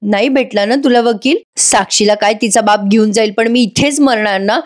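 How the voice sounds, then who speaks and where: A desperate young woman stuck in a jail cell in a TV serial, acted out by a woman narrator. She pleads and repeats her questions, sure she will die there. The voice sits a little high. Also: moderate pace, close to an everyday voice. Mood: pleading. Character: desperate young woman jailed, self-pitying.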